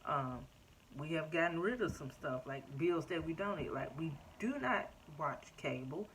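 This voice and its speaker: A woman in her thirties giving a casual, chatty update to her viewers, filling pauses with "um" and "like" and calling them "y'all". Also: deep voice, expressive, slight background noise, poor audio. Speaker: vlogger. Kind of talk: casual personal update to camera. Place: home.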